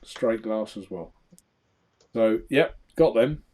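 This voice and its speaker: Chatty man with lively pitch. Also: slow. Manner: chatty, laughs often, trails off into mumbles. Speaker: co-host of a live vape show. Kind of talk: casual live-stream chat, reading viewer comments.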